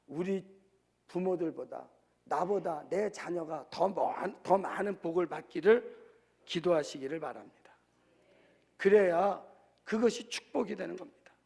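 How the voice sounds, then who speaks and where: A man's voice: fairly high pitch, gravelly, a little mellow, breathy edge. A male pastor preaching a sermon in a conversational way, asking the congregation questions.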